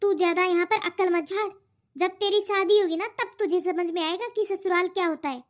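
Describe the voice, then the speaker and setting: A woman's voice: extremely high pitch, steady tone, brisk. A woman voicing a nagging, harsh middle-aged mother-in-law in a cartoon, talking in a taunting, scolding way. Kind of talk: cartoon voice acting. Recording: dull lo-fi audio.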